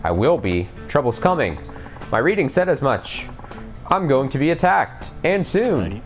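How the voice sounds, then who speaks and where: A man voicing a self-assured, gruff old woman fortune teller from a video game, reading her lines in character. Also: mid-range voice, big pitch swings, a little slow, soft background music, voice pushed up. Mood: foreboding. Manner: fortune teller, cryptic and certain. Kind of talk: game dialogue read aloud in character.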